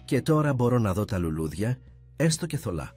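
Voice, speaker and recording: A man's voice: medium pitch, big pitch swings, a little mellow, soft background music, pitched above the performer's own voice. A man voicing an earnest young blind man, the son of a rich father, pleading and emotional in a read-aloud story.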